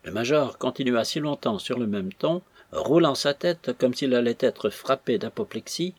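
A man reading a classic novel aloud in a steady, measured way, with a husky voice. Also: mid-range voice, no echo. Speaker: audiobook reader. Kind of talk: scripted narration of a classic novel.

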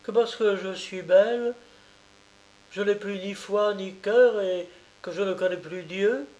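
A man's voice: high-pitched, a little slow, darkish tone, pitched above the performer's own voice. Man voicing a tearful pleading peasant woman. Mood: bitter. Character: poor peasant mother, pleading, fiercely virtuous. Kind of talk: audiobook character reading.

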